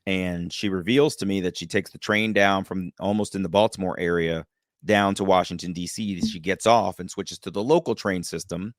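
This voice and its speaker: A man telling a personal story as a podcast guest, lively and acting out the voices of the people in it. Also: deep voice, moderate pace, no room sound, clean studio sound. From United States. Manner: animated, acts out quoted voices. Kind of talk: storytelling in a casual interview.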